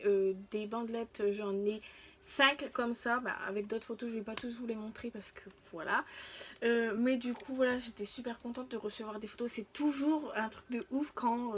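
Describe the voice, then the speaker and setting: A woman's voice: a little high, slight background noise. A woman vlogging casually to her followers, rambling and interrupting herself as she goes, often trailing off. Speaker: vlogger showing free samples she received. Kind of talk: casual chatty video to followers.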